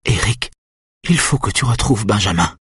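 A man's voice: fairly low pitch, animated, normal speed, a bit bright, husky, dry recording, clean studio sound, voice pushed up, heavily acted. A man voicing a distraught young mother who pleads weakly through tears in an audiobook. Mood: desperate. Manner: breathless, pleading and tearful.

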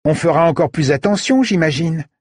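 A man's voice: on the high side, animated, brisk, no echo, clean studio sound, voice pushed up. A man voicing a wounded boy who is casual and boastful. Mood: pleased.

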